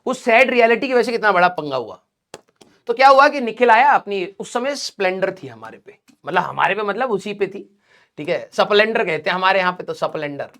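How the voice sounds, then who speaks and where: A man's voice: high voice, expressive, a little fast, pushed and bright. A male teacher casually telling his students a personal story, full of fillers and laughing as he talks. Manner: chatty, fillers like "ठीक है" and "भाई साहब".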